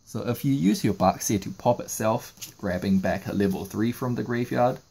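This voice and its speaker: With a lowish, warm voice that carries vocal fry and a breathy edge, this trading card game YouTuber talks at normal speed. He explains a card game step by step, going through each move in turn.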